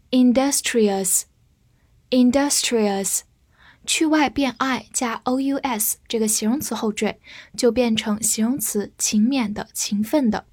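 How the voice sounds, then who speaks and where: A woman teaching English vocabulary, spelling words out letter by letter and repeating them slowly. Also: a little high, husky, dry recording, clean studio sound. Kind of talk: explanatory vocabulary lesson.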